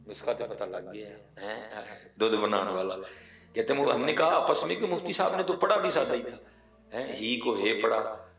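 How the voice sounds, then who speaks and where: A preacher with a low, gravelly voice delivers an emotional sermon like an animated storyteller, repeating phrases for emphasis and swinging from quiet to loud. The echoey room recording picks him up from some distance away.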